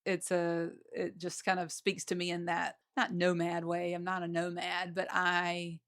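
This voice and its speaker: Gravelly low Southern woman, flat and hesitant. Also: a little slow. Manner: reflective, hesitant, many fillers. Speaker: podcast guest. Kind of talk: casual conversation.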